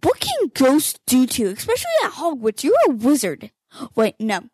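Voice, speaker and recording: A chatty woman co-hosting a casual book-discussion podcast, her voice sitting high. She rambles and corrects herself as she goes. The recording is dry and close. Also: wildly swooping pitch, moderate pace, darkish tone, slightly rough, no room sound. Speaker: podcast co-host. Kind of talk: casual chat about a book.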